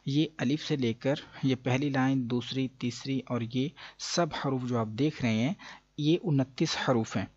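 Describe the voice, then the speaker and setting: A man's voice: mid-range voice, darkish tone, slightly rough, no echo, muffled recording. A man teaching a beginner Quran reading lesson, patiently explaining and drawing out each letter sound. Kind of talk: step-by-step recitation lesson.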